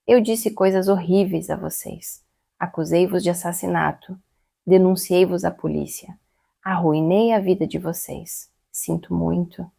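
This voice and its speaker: A woman's voice: on the low side, steady tone, a little slow, creaky, mellow, no room sound, full character voice. A woman voicing a distraught adopted teenage girl in a storybook reading, speaking in a pleading, broken-up way. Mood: remorseful.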